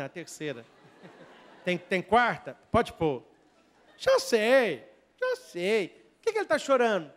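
A priest with a Brazilian Portuguese accent preaching a lively sermon, telling stories and jumping from loud to soft, with chatty asides to the audience. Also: male voice, sits high. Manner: animated storytelling, swings from loud to soft.

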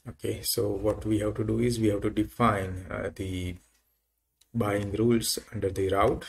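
A man giving an unhurried screen-recorded software walkthrough, thinking aloud with frequent fillers. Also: on the low side, level tone, vocal fry, breathy edge. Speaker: software tutorial presenter.

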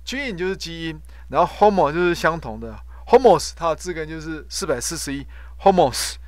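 A man with a fairly high voice runs a vocabulary lesson, repeating each word again and again for drilling. His voice sounds dry and close, with almost no room sound. He often ends phrases with a quick "ha". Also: lively intonation, no room sound. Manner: drills pronunciation by loudly repeating words, frequent "ha" tag. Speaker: professor teaching English word roots.

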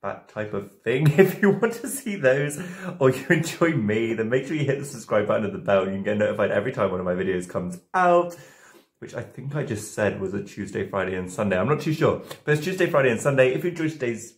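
A man's voice: on the low side, big pitch swings, fast. A man in his twenties, drunk on wine, chatting casually to camera through a tutorial, rambling, doubting himself and losing his thread. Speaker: makeup video creator. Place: indoor home studio with dark backdrop, roomy. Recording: roomy, echoing indoor sound.

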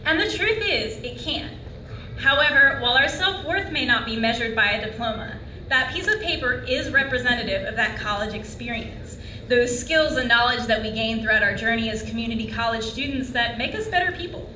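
A young woman at an auditorium lectern speaks briskly in a fairly high, sharp voice, asking the graduating audience questions during her sincere speech. Some hiss or hum comes through, and the distant lectern-mic recording carries the echo of the hall.

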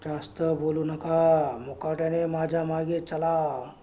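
A man doing a hoarse, menacing giant stranger. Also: fairly high pitch, level tone, mellow, slight background noise, voice pushed down. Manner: slow, curt commands. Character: menacing giant male stranger in a long coat.

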